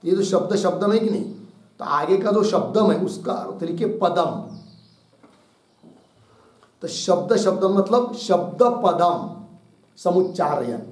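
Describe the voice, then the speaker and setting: A man's voice: high-pitched, expressive, darkish tone. A male teacher explaining a Sanskrit text, putting questions to the class, answering them himself, and dictating notes phrase by phrase. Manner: dictates slowly, repeating each phrase. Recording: echoey room.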